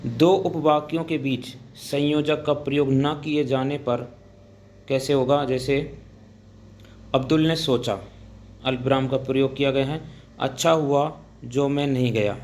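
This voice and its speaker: A man teaching Hindi grammar in a slow classroom lecture. He pauses between items and reads each example out slowly before he explains it. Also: mid-range voice, fairly even intonation, darkish tone, slight background noise. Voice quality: deliberate, pausing between listed items. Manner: dictating examples slowly, then explaining them.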